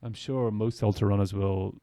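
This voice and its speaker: A man's voice: lowish voice, fairly even intonation, normal speed, warm tone, no room sound, clean studio sound. A man hosting a podcast, reflecting in a casual, thinking-aloud way. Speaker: podcast host. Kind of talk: casual interview chat.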